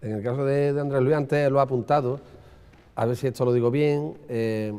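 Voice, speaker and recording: A man moderating a panel in a discursive, hesitant way, circling slowly toward his questions. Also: medium pitch, steady tone, dark tone, clean tone. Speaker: round-table moderator. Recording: long hall reverb.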